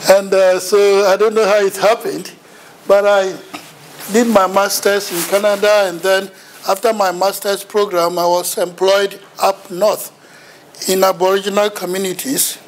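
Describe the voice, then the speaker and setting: Standing in front of a projection screen in a lecture room, a middle-aged Ghanaian-accented man, a visiting university lecturer, tells his story with self-deprecating humour during a seminar. He speaks unhurriedly in a high voice with little pitch movement. The audio is poor, with slight background noise.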